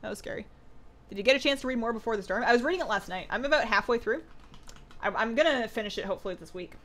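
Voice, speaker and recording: A fairly high, fairly bright woman's voice comes out animated and rapid-fire. She's streaming a game and chatting loosely with viewers, voicing their questions aloud with plenty of "like" and "um," and after two hours her voice sounds a little worn.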